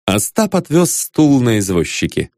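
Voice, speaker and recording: A man narrating an audiobook with a lively, expressive reading. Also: medium pitch, a little slow, no echo, studio quality.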